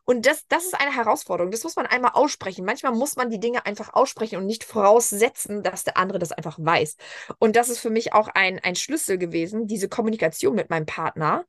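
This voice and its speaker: A woman in her thirties, a podcast guest, telling stories in lively casual chat and acting out the quoted dialogue. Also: mid-range voice, brisk, dry recording, clean studio sound.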